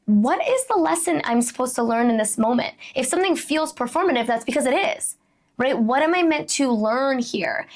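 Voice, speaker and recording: A woman in her thirties hosting a solo podcast, telling a personal story in a conversational way with frequent "right?" asides. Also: high voice. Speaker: podcast host.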